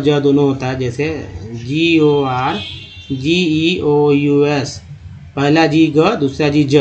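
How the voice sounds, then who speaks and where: A man with a slightly higher-pitched voice leads a spoken lesson on English pronunciation. He talks patiently and repeats himself. He slows down to spell out letters and sound out each word. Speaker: English teacher.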